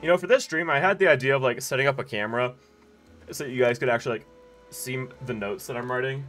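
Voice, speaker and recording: A man's voice: mid-range voice, quick pace, a bit bright, soft background music. Laid-back rambling male streamer. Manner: laid-back, rambling, many fillers and restarts. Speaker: game streamer. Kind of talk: casual live-stream chat while playing.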